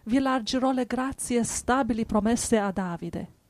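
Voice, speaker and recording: A woman reading Bible passages aloud in a steady, measured way during a church service. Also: a little high, no echo. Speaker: scripture reader in a church service.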